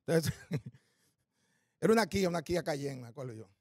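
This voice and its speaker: A man's voice: a little high, expressive, a little slow, a little mellow, no echo. A man with a Dominican accent doing stand-up comedy, telling punchy stories laced with coarse slang and quizzing the audience. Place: live comedy stage.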